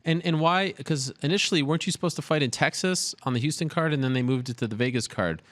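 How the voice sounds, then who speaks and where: Fast-talking male interviewer. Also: on the high side, fairly bright tone, dry recording, studio quality. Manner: probing, presses with follow-up questions. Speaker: host, interviewer.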